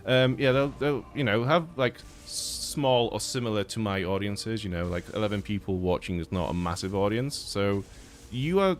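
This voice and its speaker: A man's voice: lowish voice, expressive, normal speed, faint music behind. Rambling, cursing man streaming a game. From Poland. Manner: rambling, swears a lot, many fillers and restarts. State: blocked nose. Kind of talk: casual live-stream chat while gaming.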